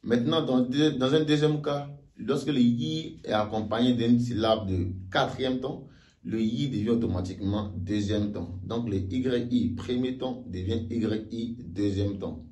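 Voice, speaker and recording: A man teaching a casual online language lesson, chatty, repeating each example slowly and checking in with "ok?". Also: mid-range voice, a little mellow. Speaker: Mandarin teacher. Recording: roomy echo, voice a bit far from mic.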